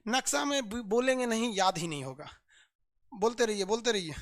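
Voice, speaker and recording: Geography tutor, high voice, lively teasing online lecture. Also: male voice, moderate pace. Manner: lively, teasing, calls students "babu". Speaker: geography teacher.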